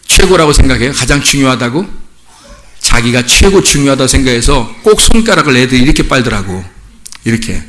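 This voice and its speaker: A middle-aged male pastor giving a sermon, telling stories animatedly and putting questions to the congregation. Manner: animated storytelling, acts out children's voices in high pitch.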